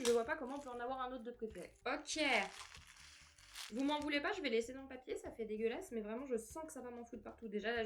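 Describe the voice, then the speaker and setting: A woman's voice: a little high, a bit bright, a little hiss or hum. A young woman vlogging casually at home, chatty and self-mocking, who swears when frustrated. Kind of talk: casual vlog chat. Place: apartment room, indoors.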